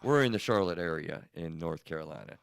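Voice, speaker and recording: A man hosting a casual podcast, animated and laughing easily, with rambling restarts. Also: sits low, fairly quick, vocal fry, clear, resonant tone, no room sound, clean studio sound. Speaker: podcast host.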